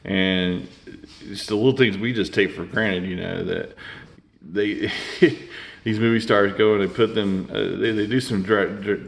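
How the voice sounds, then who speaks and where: A man's voice: on the low side, steady tone, measured pace, gravelly. A man, rambling casually through a toy review with lots of fillers and restarts.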